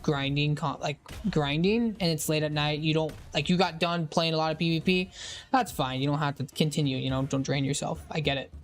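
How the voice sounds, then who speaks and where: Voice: mid-range voice, brisk. Mid 20s gamer on voice chat, laid back, chuckles a lot. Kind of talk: casual voice chat.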